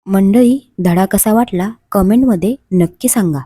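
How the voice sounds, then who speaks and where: Mellow, breathy woman reading a story. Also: on the low side, normal speed, no room sound, clean studio sound. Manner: rhythmic, sing-song storytelling. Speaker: YouTube storyteller. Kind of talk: reading a children's textbook story aloud.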